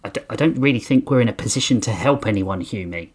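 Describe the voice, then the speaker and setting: A man's voice: lowish voice, expressive, quick pace, slightly rough, pitched below the performer's own voice. A man voicing a crude, amnesiac spaceship captain who mutters and swears. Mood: wry.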